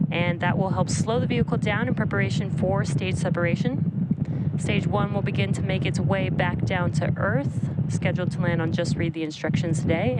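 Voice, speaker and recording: Female webcast host, live explanatory launch commentary, slightly low register, heavy noise behind.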